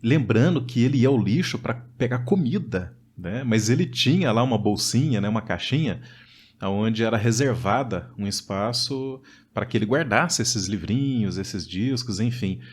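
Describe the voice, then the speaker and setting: A man's voice: lowish voice, animated, normal speed, husky. A Brazilian man co-hosting a storytelling podcast, talking animatedly and turning to address the listeners directly. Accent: Brazilian Portuguese. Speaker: podcast co-host.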